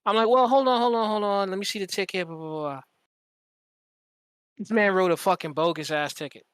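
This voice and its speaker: A podcast host with a mid-range, smooth voice talks a little fast, recorded dry. He tells stories casually and with lots of energy, full of swearing and slang, often acting out what other people said.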